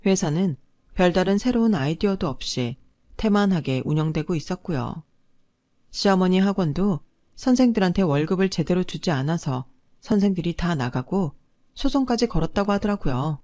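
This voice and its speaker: A woman's voice: lowish voice, mellow. A woman narrating a first-person story, blunt and firm in her retorts.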